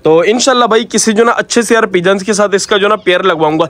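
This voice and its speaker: A man's voice: sits high, fast talker. A man vlogging about his pet birds and rabbits in a chatty, affectionate way. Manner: chatty, affectionate, peppered with "yaar" and "bhai"; coaxing pets softly. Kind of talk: casual vlog narration.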